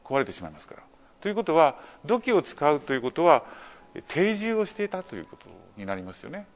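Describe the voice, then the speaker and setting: A man from Japan lectures to an audience in a hall. His pitch rises and falls in a lively way, and he steps through each point with frequent fillers. He often turns points into rhetorical questions. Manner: measured explanatory delivery with many fillers. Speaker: lecturer on archaeology. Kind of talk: public lecture.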